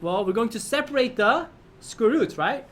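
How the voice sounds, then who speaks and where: A man's voice: very high voice, expressive, moderate pace. A man teaching a math lesson to his class, often prompting students with questions and checking that they follow.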